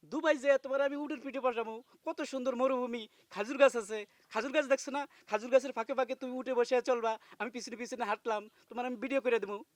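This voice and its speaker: A man's voice: extremely high pitch, steady tone, no echo. A man playing a blustering, bossy husband. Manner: blustering, quickly shifting from sweet-talk to bullying. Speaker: husband on an outing with his wife. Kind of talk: comedic TV drama acting.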